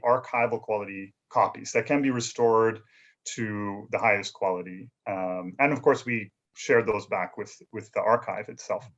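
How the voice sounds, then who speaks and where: A man being interviewed as a filmmaker, talking in a relaxed, conversational way and often checking in with "you know" and "right?". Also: lowish voice, lo-fi sound. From Canada. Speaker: filmmaker guest.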